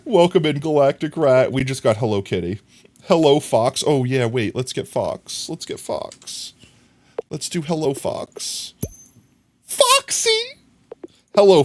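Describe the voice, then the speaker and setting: A man plays a crafting game on a live stream, talking to chat and musing aloud, with abrupt, high-pitched yelps of excitement; there's slight background noise.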